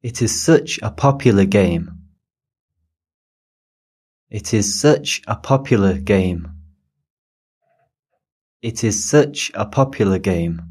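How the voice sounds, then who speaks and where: A man's voice: fairly low pitch, a little mellow, husky. A man reading a dictation aloud, repeating each phrase and saying the punctuation. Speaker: dictation reader. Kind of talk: slow dictation read aloud.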